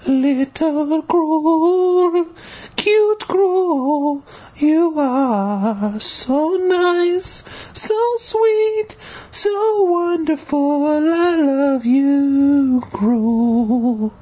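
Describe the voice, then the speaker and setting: A man voicing a young girl who coos a sing-song lullaby to a slimy creature in a high falsetto. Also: extremely slow, warm tone, full character voice. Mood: cooing.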